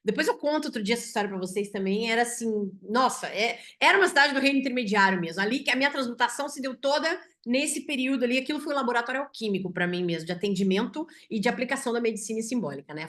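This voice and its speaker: A woman physician with a Brazilian Portuguese accent tells a patient case to her audience. She speaks in an animated way and often ends her sentences with "né?". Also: a little high, quick pace. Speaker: physician teaching symbolic medicine. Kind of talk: storytelling a case to an online audience.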